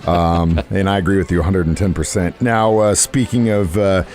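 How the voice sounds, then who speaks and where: A man's voice: low-pitched, steady tone, normal speed, a little mellow, faint music behind. A man co-hosting a sports radio show in a casual, joking, conversational way.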